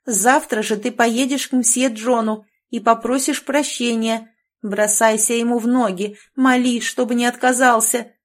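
Woman doing a shrill hysterical noble mother. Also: moderate pace. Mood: commanding. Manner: shrieking, wailing, domineering.

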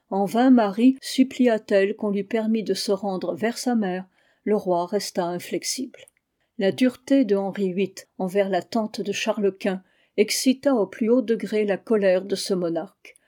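Mellow-voiced woman reading an audiobook. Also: medium pitch. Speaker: audiobook reader. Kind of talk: audiobook narration of a history book.

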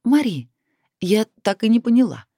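A lively young werewolf bride with a curious, questioning manner, as a man voices her. Her pitch sits much higher than the reader's own, and the sound is dry and close. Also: moderate pace, no room sound, full character voice. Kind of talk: audiobook character reading.

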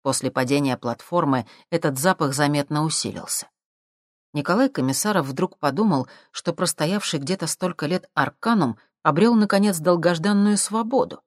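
A man narrating an audiobook in a steady, measured reading. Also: a little high, no echo, studio quality. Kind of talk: scripted narration.

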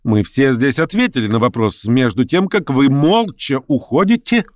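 A man doing a sharp, demanding hostess. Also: medium pitch, expressive, normal speed, no echo, clean studio sound, voice pushed up, close to an everyday voice. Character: sharp commanding hostess woman.

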